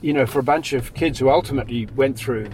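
A middle-aged man answers questions from the passenger seat in a measured, thoughtful way, and his voice sits in a middle pitch. His phrases often fade to a quiet close. A faint hum of the moving car runs underneath. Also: low-quality recording. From Sri Lanka, raised in New Zealand. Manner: reflective, measured, trailing off quietly. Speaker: interview guest. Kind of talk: casual interview in a car. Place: inside a car. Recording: faint road noise.

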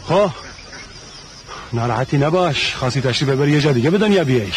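A man's voice: medium pitch, expressive, slight background noise, natural voice. An actor playing a stern, proud clansman who mocks and lectures his cousin, stammering in scorn. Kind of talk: TV drama acting.

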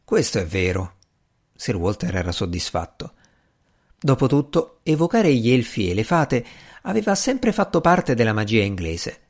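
Expressive male audiobook narrator. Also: mid-range voice, moderate pace. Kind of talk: scripted narration.

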